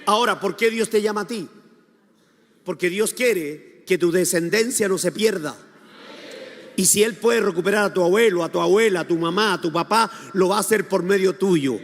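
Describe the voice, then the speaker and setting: An older man, preaching a sermon to a congregation, calling for responses and swinging between shouts and soft asides. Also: sits high, moderate pace. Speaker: pastor. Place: church hall. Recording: long hall reverb.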